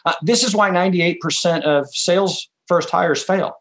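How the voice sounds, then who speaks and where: A man's voice: sits high, moderate pace, fairly bright tone. A man, an author appearing as a guest, teaching business ideas in a conversational way and telling stories with quoted back-and-forth. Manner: emphatic, tells stories with quoted dialogue.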